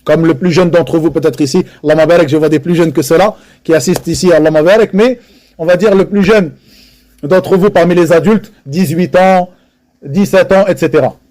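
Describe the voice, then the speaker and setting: Before a live audience, this man gives a religious lesson in French with a fairly high, slightly mellow voice and a brisk delivery. His tone is earnest and emphatic as he repeats key phrases and sprinkles in Arabic religious terms.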